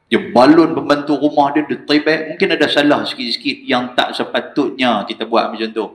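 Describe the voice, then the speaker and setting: Speaking a little fast with fairly even intonation, this man delivers an evening religious lecture in a small, echoey prayer hall. His northern Malaysian Malay accent carries animated stories that swing from quiet asides to loud exclamations.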